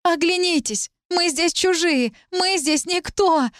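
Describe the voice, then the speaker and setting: A woman's voice: high voice, moderate pace, dry recording, studio quality, voice pushed up, close to an everyday voice. A woman reading an audiobook, voicing a panicked, desperate young woman in breathless, pleading outbursts. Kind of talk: audiobook character voice.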